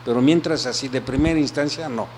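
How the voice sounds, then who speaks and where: A man, an audiologist answering interview questions in an explanatory way, often checking in with a quick question. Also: medium pitch, darkish tone, a little hiss or hum. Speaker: audiologist guest.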